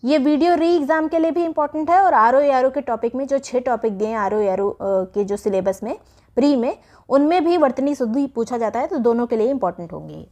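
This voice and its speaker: A woman teaching an exam-prep Hindi spelling lesson. She explains each word slowly and repeats the right and wrong forms. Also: sits high, expressive, dark tone.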